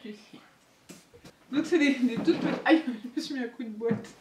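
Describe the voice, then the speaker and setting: A woman chatting excitedly and giggling as she unboxes makeup for her beauty vlog. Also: high-pitched, moderate pace. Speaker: beauty vlogger. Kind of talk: casual unboxing chat. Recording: echoey room, faint noise.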